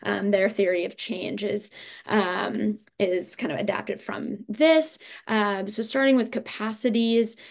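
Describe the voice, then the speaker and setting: A woman's voice: medium pitch, unhurried, vocal fry. A woman presenter explaining material in an informal lecture style during a training webinar.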